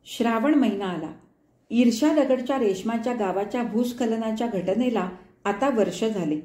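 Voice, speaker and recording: A woman storyteller reads a short story aloud in a clear, measured way. Her voice sits fairly high, and the studio recording carries a noticeable roomy echo. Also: mellow. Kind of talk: read storybook narration.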